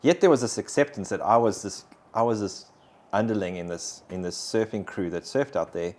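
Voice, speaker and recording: A man's voice: fairly low pitch, brisk, a little mellow. A man, sharing his personal faith story in an interview in an earnest, reflective way. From South Africa. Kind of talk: conversational personal testimony.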